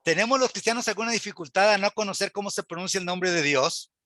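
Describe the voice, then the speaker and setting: A man's voice: sits high, quick pace, sharp tone, no room sound. A man teaching a Bible Hebrew class to a church group, earnest and full of rhetorical questions, quoting scripture aloud.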